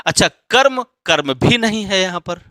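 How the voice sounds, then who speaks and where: A man's voice: high voice, lively intonation, moderate pace, pushed and bright, no echo. A man teaching English grammar, explaining step by step and checking often that students follow.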